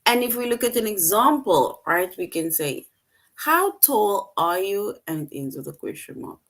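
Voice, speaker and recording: A woman's voice: medium pitch, big pitch swings, moderate pace, fairly bright tone. A woman teaching an online English lesson to young children, patient and repetitive, often checking in with "right?".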